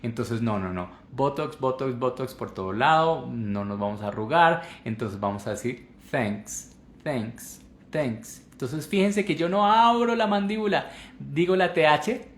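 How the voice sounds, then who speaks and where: A man's voice: medium pitch, expressive, moderate pace, a little hiss or hum. Man teaching pronunciation in an echoey room. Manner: explanatory, repeats words to demonstrate sounds. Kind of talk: live online class.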